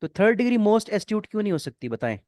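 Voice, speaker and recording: Guy teaching a grammar class, keeps asking "clear?", dry recording. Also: high-pitched, sing-song, fairly quick, darkish tone, dry recording. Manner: explains step by step, checks often if students follow. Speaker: English teacher. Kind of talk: online class explanation.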